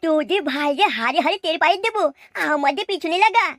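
Fata, a very high-pitched cocky kid. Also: lively intonation, fast, no room sound, studio quality. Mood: scheming, gleeful. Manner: boastful, taunting. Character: cocky, scheming cartoon kid named Fata, gleefully vengeful. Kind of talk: comic cartoon dubbing. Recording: loud music under the voice.

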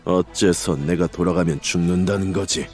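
An actor voicing a proud, defiant human wizard in a video game, with a dramatic dark lord manner. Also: male voice, sits low, fairly even intonation, moderate pace, faint music behind, close to an everyday voice. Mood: cold, menacing. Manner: menacing dark-lord delivery, breaking into desperate cries.

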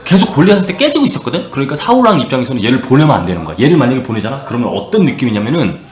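A man casually retelling a Bible story to a live chat, animated and slipping into character voices. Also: mid-range voice, racing, echoey room.

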